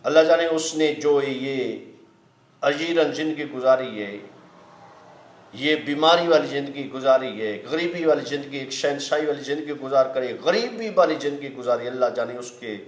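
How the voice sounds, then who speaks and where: A man's voice: medium pitch, animated. A man telling a moral story in an earnest, emphatic, preachy way, swearing oaths to stress that it is true. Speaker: moral speaker. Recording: echoey room.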